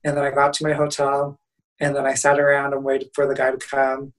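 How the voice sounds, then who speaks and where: A man's voice: medium pitch, completely flat delivery, brisk, distant mic, rough recording. A young man in his twenties, a motivational speaker guest, telling a funny story in a casual, laughing way.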